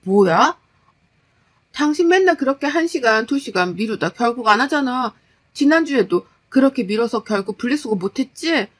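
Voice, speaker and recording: A woman voicing an exhausted, fed-up young working wife, scolding in a sharp, exasperated way. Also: fairly high pitch, animated, moderate pace.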